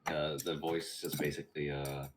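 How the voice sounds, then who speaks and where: Man with an extremely deep voice. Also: little pitch movement, normal speed, a little hiss or hum. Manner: hesitant, thinking aloud. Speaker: player.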